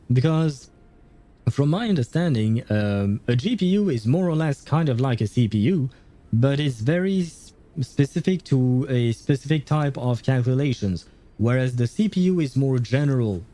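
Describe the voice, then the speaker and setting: A male gaming streamer speaks in a mellow, mid-pitched voice, casually commenting on his playthrough and frequently pausing as he thinks out loud.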